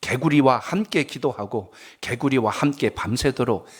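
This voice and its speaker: A man voicing a gentle divine inner voice that speaks softly and low. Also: moderate pace, slightly rough, natural voice. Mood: tender. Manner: soft, low and hushed.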